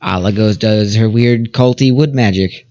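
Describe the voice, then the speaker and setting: A man's voice: lowish voice, normal speed, a little mellow, muffled recording. Rambling man chatting about a tabletop game. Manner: rambling, filler-heavy suggestions. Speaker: player. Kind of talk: casual chat about the game.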